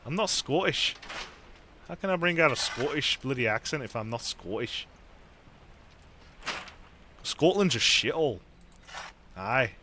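Lively, joking gaming commentator man. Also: mid-range voice, normal speed, background noise. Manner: joking, sweary and chatty. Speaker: gaming video host. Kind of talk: casual gameplay commentary.

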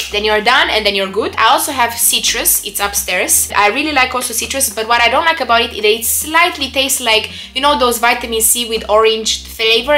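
A woman's voice: on the high side, pushed and bright. A young woman chatting casually and upbeat in a product review vlog, with rambling asides. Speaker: vlogger.

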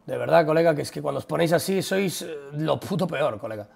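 A man's voice: fairly high pitch, lively intonation, fast, vocal fry, a little mellow. A young man with a Spanish accent from Spain, ranting bluntly and profanely at his live-stream chat.

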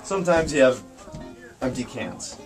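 Guitar music plays as a young American man guides listeners around his small wooden ice fishing shack with casual, deadpan humor. His mid-range voice swings widely in pitch, and he talks a little slowly.

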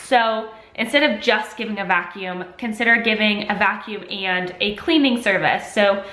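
Speaking at a normal speed, this sniffly twenty-something lifestyle vlogger has a medium-pitched voice that sounds pushed and bright. She chats to the camera from her home kitchen, gesturing a lot with her hands. The camera is at desk distance, and the kitchen is echoey.

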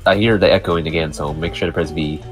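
Easygoing young man, low voice. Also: steady tone, fast talker, faint music behind. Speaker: guest player. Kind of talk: casual let's-play chat.

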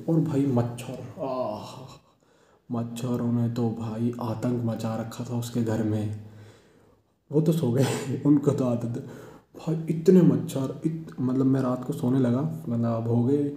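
Young man, very dark mellow voice, casual comic storytelling, chatty with chuckles, roomy echo. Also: medium pitch. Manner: chatty, keeps saying "bhai", chuckles through the tale. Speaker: vlogger.

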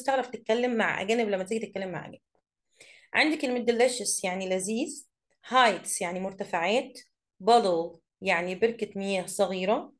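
A woman with an Egyptian accent teaching an English vocabulary lesson, saying each word slowly and then explaining it quickly. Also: a little high. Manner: reads words slowly, then explains briskly.

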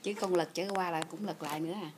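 A woman's voice: lowish voice, fairly even intonation, fast talker, noisy background. A mother talks to her baby at home, repeating short coaxing phrases over and over. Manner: repetitive, coaxing baby talk. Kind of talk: home video talk to a baby.

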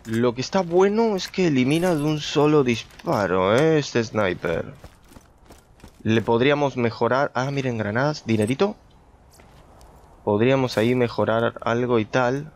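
A man's voice: medium pitch, a little slow. A young man giving casual gameplay commentary, chatty and thinking aloud as he plays, talking to his viewers. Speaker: gameplay streamer.

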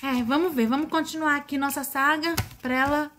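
A woman's voice: high voice, fairly even intonation, fairly quick, a bit bright, a little hiss or hum. A young Brazilian woman chatting casually in a family vlog, talking about her toddler. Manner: chatty, playful baby talk with her toddler. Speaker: vlogger mother.

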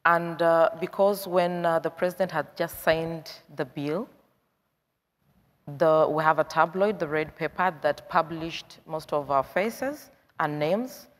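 Young woman from Uganda, low voice, frank and conversational, long hall reverb; panel testimony. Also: takes it slowly. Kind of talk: personal testimony. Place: conference stage.

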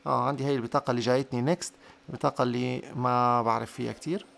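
A young man gives excitable live commentary on a mobile game, urging his units on and repeating words over and over. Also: mid-range voice, very fast, gravelly, slight background noise. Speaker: gaming YouTuber.

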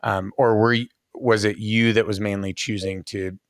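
A male podcast host with a fairly low voice asks long, meandering questions into a boom-mounted studio mic. His sound is dry and close, with no room echo. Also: level tone, normal speed. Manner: long rambling questions with fillers. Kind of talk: casual interview. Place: home room with bookshelf. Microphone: podcast mic on boom arm, headphones.

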